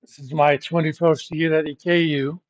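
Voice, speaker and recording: A man's voice: fairly high pitch, flat delivery, normal speed, dry recording, lo-fi sound. A middle-aged man from Turkey who teaches at a university, lecturing his class in a blunt, joking, informal way. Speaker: university professor.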